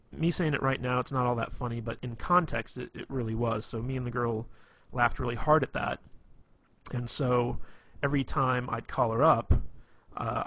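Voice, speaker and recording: A man's voice: mid-range voice, gravelly, a bit bright, husky. A man explaining how to be funny with girls in a loose, rambling tutorial, full of fillers and restarts. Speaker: dating advice instructor. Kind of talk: casual tutorial talk.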